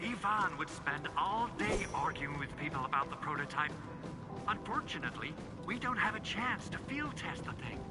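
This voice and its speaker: With music playing behind him, a voice actor plays a keen, sincere male video game engineer who explains things with lots of animation. The voice is fairly high and the speed normal.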